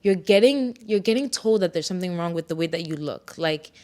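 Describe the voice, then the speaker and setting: A woman's voice: lowish voice, lively intonation, fairly quick, a little mellow. Candid young woman from Ghana podcasting. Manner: candid, reflective storytelling with bursts of playful self-hype. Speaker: podcast host. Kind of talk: solo podcast monologue.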